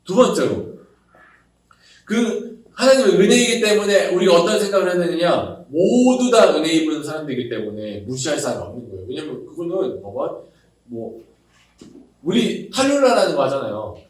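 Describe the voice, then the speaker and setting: Animated guy pastor, kinda high voice, preaching in a big echoey church hall off mic. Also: moderate pace, far from the mic. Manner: animated, acts out quoted voices, chatty asides. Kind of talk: casual sermon to young adults. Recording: roomy echo, speaker away from mic.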